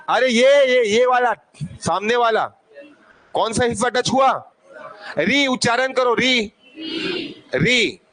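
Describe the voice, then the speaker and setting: High-voiced man teaching a slow classroom lesson. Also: a bit bright, low-quality recording. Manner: quizzing students with repeated questions and prompts.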